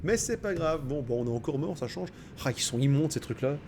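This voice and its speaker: Guy doing sarcastic let's-play commentary, kinda high voice, jumps all over the place, noisy background. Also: animated, fairly quick. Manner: sarcastic, joking, talking to himself and the enemies. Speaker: gamer playing through a game.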